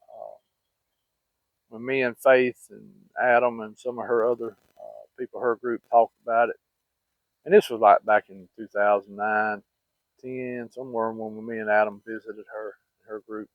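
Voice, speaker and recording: Telling personal stories for his vlog, a Southern US man keeps things folksy, plain-spoken and rambling. He speaks unhurriedly in a level, lowish voice. The audio has no room sound yet comes through muffled and phone-like.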